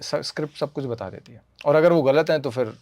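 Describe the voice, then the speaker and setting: A man who acts and makes films, telling lively stories in a casual conversation and mixing in English phrases. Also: on the high side, brisk, no room sound. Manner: animated storyteller, mixes in English. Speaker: actor and filmmaker.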